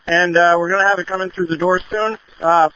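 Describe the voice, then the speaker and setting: A man speaking as a firefighter, giving halting, urgent status reports over a two-way radio. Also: high voice, steady tone, bright, forceful tone. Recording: muffled radio, faint noise, clicks.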